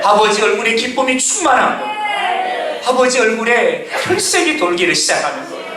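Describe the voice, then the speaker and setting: A male pastor preaching a sermon, acting out quotes and swinging from hushed to shouted. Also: high voice. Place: church sanctuary. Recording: very echoey church sanctuary, faint noise.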